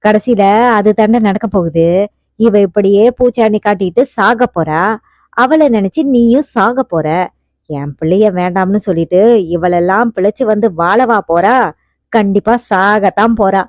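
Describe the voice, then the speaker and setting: A woman's voice: mid-range voice, normal speed, darkish tone, no echo, natural voice. A woman reading as a furious, taunting aunt. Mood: scornful. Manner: harsh and taunting. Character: furious scornful older woman, the hero's aunt. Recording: dull, muffled audiobook recording.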